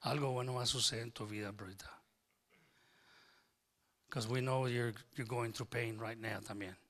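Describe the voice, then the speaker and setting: Gravelly bilingual preacher man. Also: medium pitch, fairly even intonation, measured pace, fairly bright tone. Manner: switches into English phrases, jokes with congregation. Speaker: pastor. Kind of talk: informal sermon.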